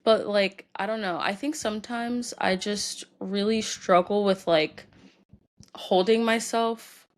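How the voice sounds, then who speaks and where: A young woman hosting a solo podcast, talking about her feelings in a halting way with many fillers, tearful and crying at times. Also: medium pitch, steady tone. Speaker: podcast host. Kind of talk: personal solo podcast talk.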